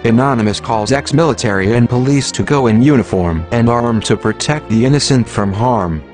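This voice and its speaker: An anonymous announcer in a disguised, low, computer-generated male voice, reading a scripted manifesto in an even, mechanical way. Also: moderate pace, soft background music.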